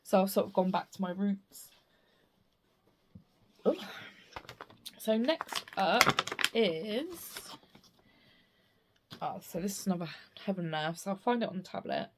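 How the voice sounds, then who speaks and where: A woman's voice: medium pitch, lively intonation, a little slow, long pauses, background noise. A British woman chatting casually to camera in a rambling, self-interrupting way, with slightly slurred speech from a missing front tooth. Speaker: stitching vlogger. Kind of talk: casual chat to camera about craft projects.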